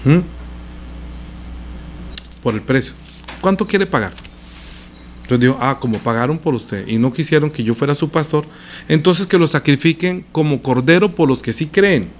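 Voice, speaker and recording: Animated preacher man. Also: on the high side, moderate pace, pauses often, slight background noise. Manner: animated, rhetorical questions to the congregation. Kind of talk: conversational Bible teaching.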